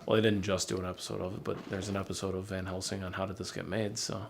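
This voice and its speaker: Laid-back low-voiced male co-host. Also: little pitch movement, fast, vocal fry. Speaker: podcast co-host. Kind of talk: casual chat.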